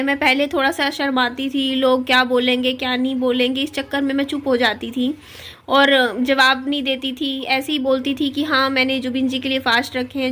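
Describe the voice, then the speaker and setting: A woman's voice: high-pitched, fairly bright tone. A woman vlogging a heartfelt personal confession to her viewers, talking earnestly with frequent fillers and restarts, her throat a little sore. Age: adult (widowed). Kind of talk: personal video message to viewers.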